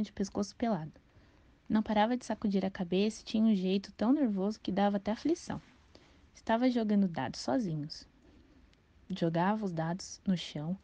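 Mellow woman reading a children's book. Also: medium pitch. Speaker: audiobook reader. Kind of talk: reading a children's novel aloud. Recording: dull, dry lo-fi recording.

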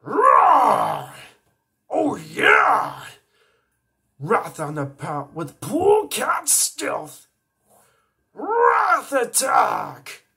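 A man voicing a wild male alien brawler, howling high battle cries. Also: wildly swooping pitch, extremely slow, creaky, pauses often, pushed and bright, full character voice.

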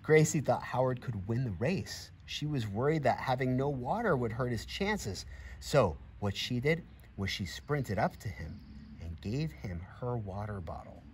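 A middle-aged man with a mid-range voice reads a picture book aloud at a measured pace by a barn in a grassy farmyard. He is animated and encouraging, addressing the young listeners and an animal directly with warm asides. Slight background noise and clear outdoor ambience come through.

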